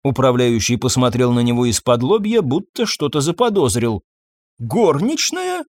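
A man narrating a story with an expressive, theatrical delivery. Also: mid-range voice, moderate pace, no room sound, clean studio sound. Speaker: audiobook narrator.

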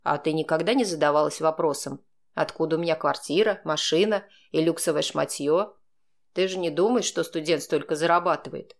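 A woman's voice: deep voice, moderate pace, voice pushed down, close to an everyday voice. A woman doing a smug, taunting young man. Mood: mocking. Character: brash mocking male student, young man.

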